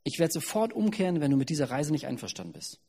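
A man's voice: a little high, very animated, fast, gravelly, warm tone, husky, full character voice. A man voicing a short-tempered prophet who now speaks contritely and earnestly. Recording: long hall reverb.

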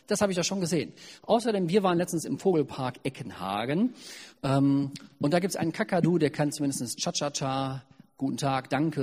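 A man preaching at a family service, retelling a Bible story in a lively, chatty way with asides. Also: medium pitch. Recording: long hall reverb.

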